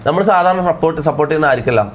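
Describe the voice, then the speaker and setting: A man's voice: on the high side, racing. A man, ranting at his live-stream chat in an irritated, lecturing way and repeating himself. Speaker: livestreamer.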